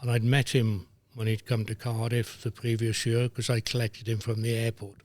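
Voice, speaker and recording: An older man, a former referee telling lively anecdotes as a guest, dropping into voices for the people he quotes. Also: medium pitch, normal speed, dry recording. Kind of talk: anecdotal storytelling.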